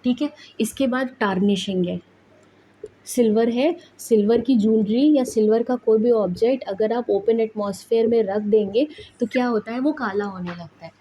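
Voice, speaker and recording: A woman's voice: on the high side, moderate pace, warm tone, husky, low-quality recording. A woman science teacher giving a lecture, who asks questions and then answers them herself, slipping into English phrases. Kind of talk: classroom lecture.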